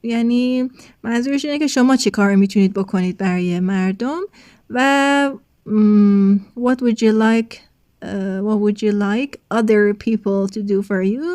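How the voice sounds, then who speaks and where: A woman English teacher talks students through a textbook lesson, pausing often on filler sounds as she switches languages. Her voice is soft and mellow. The sound is close and dry, with no room around it. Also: mid-range voice, clean tone, no echo.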